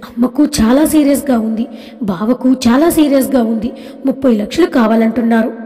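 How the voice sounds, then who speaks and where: A woman's voice: a little high, moderate pace, dark tone, big-room sound, natural voice. A woman narrator reading the lines of a desperate young woman, pleading for help. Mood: distressed.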